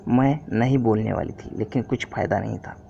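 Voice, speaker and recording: A man narrating a first-person story in a steady, earnest scripted reading. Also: fairly low pitch, brisk, gravelly. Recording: dull lo-fi recording, faint hiss.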